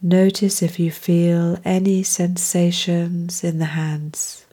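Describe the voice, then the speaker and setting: A woman leads a mindfulness meditation, calm and soothing, her husky voice soft-edged, mellow and pitched slightly low. She speaks very slowly, letting each gentle phrase settle before moving on.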